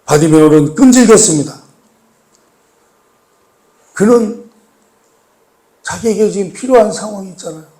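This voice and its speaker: A man preaching a sermon as pastor. He asks the congregation questions, repeats key words, and moves between raised, emphatic lines and soft, hushed pleading. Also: high-pitched, expressive, moderate pace, pauses often. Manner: addresses the congregation with rhetorical questions and repetition.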